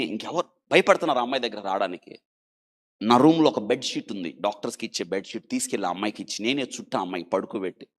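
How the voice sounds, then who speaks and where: A man who is a doctor shares a dramatic story in an interview, urging listeners to pay attention and think. His medium-pitched delivery swings from loud emphasis to quiet asides.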